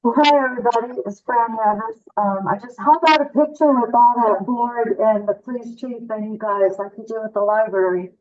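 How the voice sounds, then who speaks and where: A woman's voice: a little high, normal speed, few pauses. A woman calling in to a public meeting over a muffled remote call audio line, chatty and friendly, checking that she can be heard. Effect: muffled remote call audio, like a headset mic. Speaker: online public commenter.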